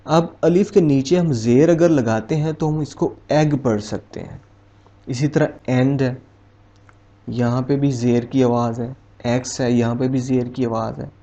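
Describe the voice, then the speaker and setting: A man's voice: mid-range voice, fairly even intonation, unhurried, mellow. A man teaching an English vowel lesson, patiently explaining and repeating each example word one at a time. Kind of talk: slow spoken English lesson. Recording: dull lo-fi recording.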